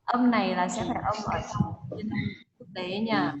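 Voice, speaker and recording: A woman's voice: mid-range voice, big pitch swings, moderate pace, noisy background. A woman English teacher, explaining pronunciation over a video call and modeling words for students to repeat. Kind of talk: online class teaching. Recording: roomy, long echo, dull lo-fi video call audio.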